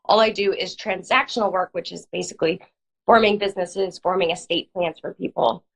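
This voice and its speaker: Woman lawyer, guest on a live stream, has a cold, clears her throat, explains step by step with fillers. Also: fairly low pitch, fairly even intonation, a little fast, poor audio. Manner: plain explanatory, uses hedging fillers. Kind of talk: live interview, explaining legal steps. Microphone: online video stream.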